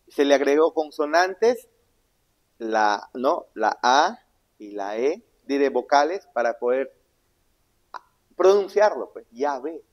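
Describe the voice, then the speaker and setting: A man preaching a sermon, asking the congregation questions and answering them himself, swinging between loud emphatic lines and low hushed asides. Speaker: pastor. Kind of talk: sermon Bible teaching.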